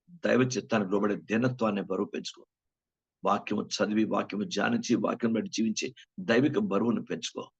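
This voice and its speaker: A man preaching a sermon as a pastor, building to loud emphatic bursts and then sinking into a hushed, prayerful tone. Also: fairly low pitch, breathy edge, lo-fi sound.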